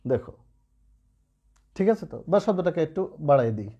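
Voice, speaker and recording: Patient Bengali teacher with a mellow lively voice. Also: male voice, fairly high pitch, brisk, husky, dull audio. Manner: patient, asks students rhetorical checks often. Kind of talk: online grammar lesson.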